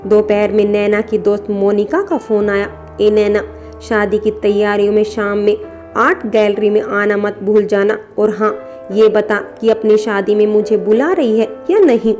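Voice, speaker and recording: Soft-voiced woman narrating a story. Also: mid-range voice, a little slow, faint music behind. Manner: reads all characters' dialogue in a soft, even voice. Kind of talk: scripted narration of a romantic story.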